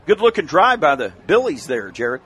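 An American man giving live play-by-play commentary on a high school football game. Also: very animated, normal speed, fairly bright tone, slightly rough. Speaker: play-by-play sports announcer.

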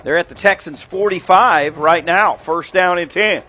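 Bright high-voiced male play-by-play announcer. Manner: rapid excited calls of plays, counting yard lines. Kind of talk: local radio football commentary.

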